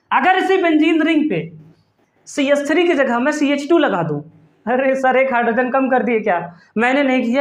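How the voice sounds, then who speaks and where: A male chemistry teacher with a very high-pitched voice and roomy sound runs an online class in a playful, teasing manner. He affectionately calls his students "beta" and answers his own questions.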